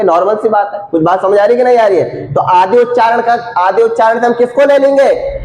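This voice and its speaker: A man's voice: sits high, reverberant. A man teaching Sanskrit grammar in a lecture, asking questions over and over and answering them himself.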